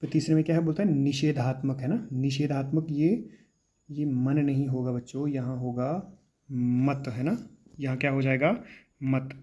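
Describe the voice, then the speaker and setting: A man's voice: mid-range voice, normal speed, warm tone. A man teaching a grammar lesson for exam preparation, explaining step by step and often checking in with "है ना". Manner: explains with frequent "है ना" tags.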